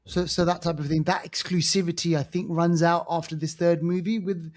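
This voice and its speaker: A man co-hosts a film podcast in a fairly high, fairly quick voice. His casual chat is animated and talkative, with frequent "you know" fillers throughout.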